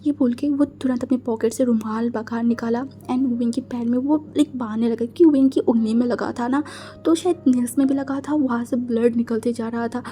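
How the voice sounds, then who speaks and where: A woman's voice: on the high side, steady tone, brisk, mellow. A woman narrating a fan fiction story in a chatty way, mixing in English words and many fillers.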